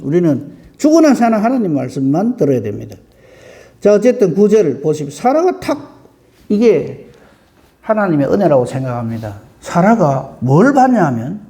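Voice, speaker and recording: Pastor, male; animated, folksy dawn sermon, mellow and warm tone. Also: high voice. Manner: lively, folksy preaching with rhetorical questions.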